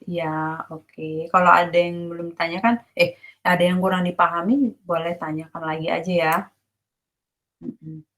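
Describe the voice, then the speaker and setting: Her voice is lowish, a bit bright and fairly flat in pitch as this university lecturer speaks at normal speed in a relaxed online class. She explains things casually, asks if students are following, and slips English terms into what she says.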